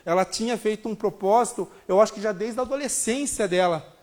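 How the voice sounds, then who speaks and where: A Brazilian man in his thirties preaching a sermon, telling a personal story in an animated way and calling the congregation brothers. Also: high-pitched, a little fast. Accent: Brazilian Portuguese. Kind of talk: sermon testimony.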